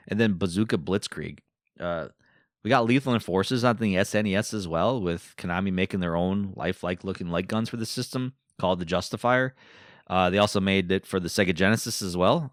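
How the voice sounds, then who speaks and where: A man's voice: sits low, dry recording, clean studio sound. A man with an Eastern European accent hosting a podcast, talking casually and rambling with fillers and asides. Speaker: podcast host. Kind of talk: casual solo podcast talk.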